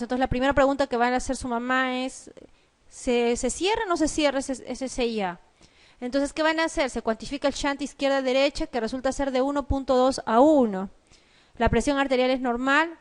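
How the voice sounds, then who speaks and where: A woman with a Peruvian Spanish accent giving an exam review lecture, explaining step by step and asking rhetorical questions. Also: sits high. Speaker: medical lecturer.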